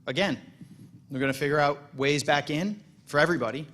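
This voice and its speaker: A man's voice: a little high, fairly quick, a bit bright. Casual joking man at a podium. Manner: casual, self-deprecating humor, frequent restarts. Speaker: congregation president. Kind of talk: welcome speech at a holiday service. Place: synagogue sanctuary.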